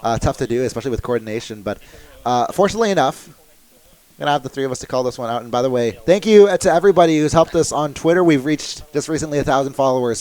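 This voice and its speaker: Brief: young male esports caster, excitable fast live commentary. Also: mid-range voice. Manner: fast excitable play-by-play with laughs.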